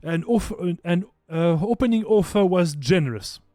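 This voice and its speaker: A wary guardian woman of a warrior clan speaks slowly and gravely, picking her words with pauses, as a man plays her in his own voice. The recording is dry, with faint music beneath. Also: high-pitched, animated, dark tone, no echo, voice pushed up. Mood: solemn wary. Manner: slow, measured, hesitant.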